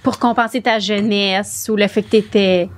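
A woman hosting an interview and prompting her guests with quick follow-up questions. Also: medium pitch, steady tone. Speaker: interviewer, host. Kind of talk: interview conversation.

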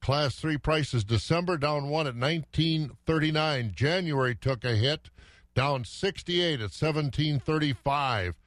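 A man's voice: a little high, unhurried, a bit bright, dry recording, clean studio sound. A folksy man hosting a morning farm radio show, reading out weather and market figures. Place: dry radio studio.

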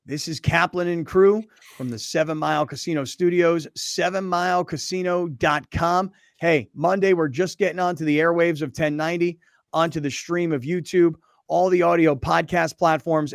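Casting note: middle-aged male radio host, lively chatty delivery, slightly higher voice, dry close sound. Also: moderate pace, gravelly, dry recording. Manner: energetic, conversational. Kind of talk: sports talk radio.

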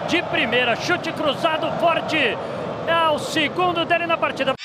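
A Brazilian man reports on a football match live. His voice is extremely high, set in a very noisy outdoor stadium broadcast. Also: unhurried, over a noisy crowd.

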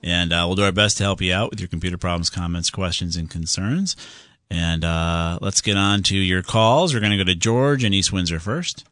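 A man's voice: sits low, moderate pace, fairly bright tone, no echo, studio quality. A man hosting a radio call-in show, casually explaining computer fixes step by step. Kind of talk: casual call-in tech advice.

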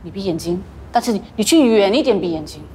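A woman actress, the guest in a podcast interview, telling stories with animated acted-out voices. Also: mid-range voice, fast, a little hiss or hum. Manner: animated storytelling, acts out quoted voices.

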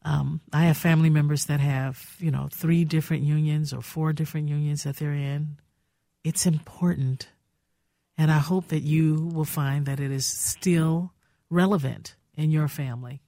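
A woman's voice: sits low, fairly even intonation, moderate pace, mellow, no room sound, clean studio sound. An older woman hosting a radio talk show, telling a heartfelt, reminiscing story. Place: radio studio.

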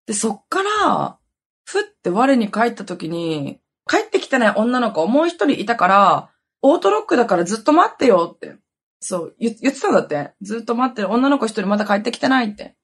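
A woman in her thirties hosting a podcast, telling a personal story in a casual, animated way, jumping between loud exclamations and muttered asides. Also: medium pitch, husky. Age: 30s. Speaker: podcast host.

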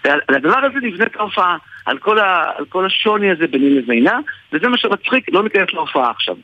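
Male guest storyteller, Israeli accent, slightly high husky voice, halting casual delivery full of restarts. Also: big pitch swings, no room sound. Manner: halting, repeats and restarts phrases. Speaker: guest, stage performer. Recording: muffled radio or phone-like sound, dry.

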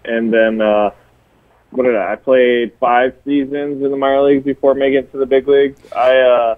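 A man's voice: mid-range voice, level tone, normal speed. Phone-in guest: casual, self-deprecating man from Hawaii, tinny line. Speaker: phone-in guest, baseball pitcher.

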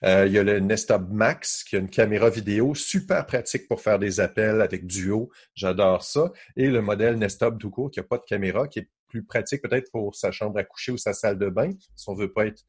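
A man's voice: fairly low pitch, a little fast, few pauses, husky. A man with a Quebec French accent explaining gadgets and films in casual radio chat, enthusiastic and full of fillers.

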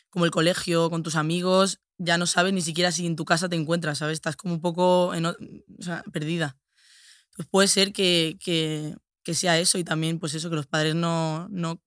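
Smooth-voiced young woman with a Sevillian accent. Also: on the low side, no echo, studio quality. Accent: Sevillian Spanish. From Spain. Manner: reflective, many fillers and tag questions. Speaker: guest. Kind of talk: casual podcast conversation.

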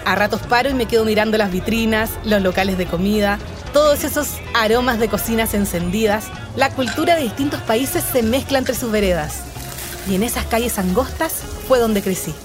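A young Chilean woman with a Chilean accent, calmly narrating her own life story in a scripted, reflective way. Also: fairly high pitch, moderate pace. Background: music under the voice.

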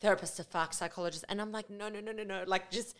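A young Australian woman in a casual podcast conversation; she is expressive and upbeat and gives friendly advice. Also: medium pitch, fast. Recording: crowd noise in background.

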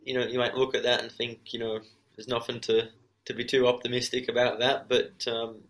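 A man's voice: mid-range voice, flat delivery, brisk, a bit bright, rough recording. A man giving casual interview answers as a racer, modest and understated, with many conversational filler phrases. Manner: modest, understated, leans heavily on "you know". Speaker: professional motorcycle racer being interviewed.

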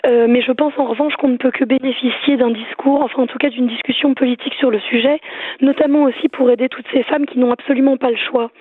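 A woman from France, hoarse from losing her voice, speaking as an author guest by phone and often restarting her phrases. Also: high-pitched, steady tone, quick pace, no room sound. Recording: tinny phone line.

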